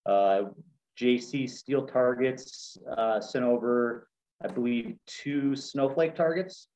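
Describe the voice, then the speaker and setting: A man's voice: medium pitch, takes it slowly, a little mellow, muffled recording. A man organizing a shooting match, chatting casually and easily, often laughing as he talks. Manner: easygoing, laughs while talking. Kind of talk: casual chat.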